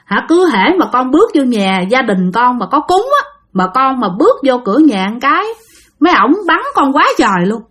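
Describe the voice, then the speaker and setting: A woman's voice: sits high, big pitch swings, moderate pace, fairly bright tone, voice pushed up, exaggerated voice. A woman voicing the ghost of a young woman who pleads tearfully for help through a medium. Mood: pleading.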